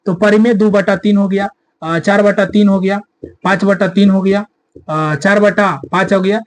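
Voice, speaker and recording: A man's voice: sits high, steady tone, a little slow. A male maths teacher explaining a lesson step by step, asking the class rhetorical questions and repeating key points. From India.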